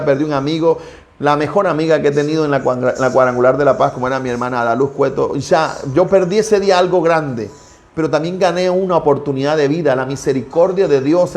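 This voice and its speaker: A pastor delivers a devotional sermon, recounting his personal testimony as emphatic storytelling full of heavy repetition. His voice is fairly high and a little mellow.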